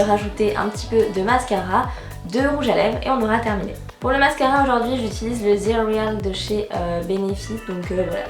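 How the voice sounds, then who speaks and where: Chatty young woman over loud music. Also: medium pitch. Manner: chatty, frequent "euh" and "donc voilà" fillers. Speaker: beauty vlogger. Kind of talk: casual makeup tutorial. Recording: roomy voice with loud background music. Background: background music.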